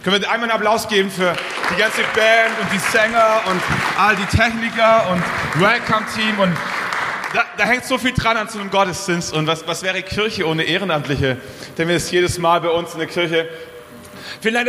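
High-voiced man preaching in an echoing church. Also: normal speed, a faint crowd, a little hiss or hum. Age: 40s. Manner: animated anecdotal storytelling. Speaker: preacher at a youth service. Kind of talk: storytelling sermon. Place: church hall. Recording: long hall reverb.

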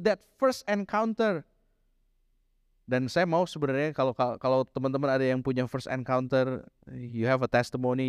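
A man preaching a sermon as pastor, mixing Indonesian and English, telling a story and slowing down to stress key points. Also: medium pitch, no room sound, studio quality. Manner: switches between Indonesian and English mid-sentence; slows down for emphasis, storytelling delivery.

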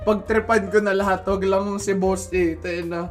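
A man's voice: high-pitched, little pitch movement, moderate pace, music in the background. A young man co-hosting a podcast, bantering playfully, teasing his friends and laughing often. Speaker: podcast co-host.

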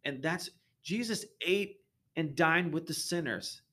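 A man's voice: fairly high pitch, slow, sharp tone. A man guesting on a podcast, talking earnestly about faith in a preachy way with many restarts.

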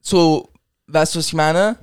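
A man's voice: on the high side, steady tone, unhurried, clear, resonant tone, no room sound, clean studio sound. A young man, co-hosting a casual podcast and talking eagerly, often with a laugh. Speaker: podcast co-host. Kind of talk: casual chat.

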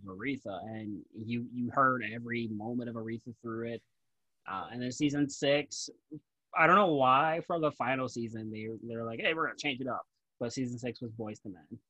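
Podcast host, man, medium-pitched, casual and self-deprecating, very dry recording. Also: normal speed, pushed and bright, dry recording, low-quality recording. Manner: informal, self-deprecating, swearing. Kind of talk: casual chat.

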